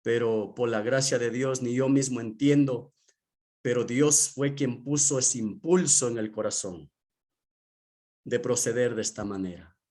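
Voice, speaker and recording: A male pastor giving an emotional testimony in a sermon, speaking slowly and earnestly to the congregation. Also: mid-range voice, mellow. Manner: slow, earnest, emotional preaching.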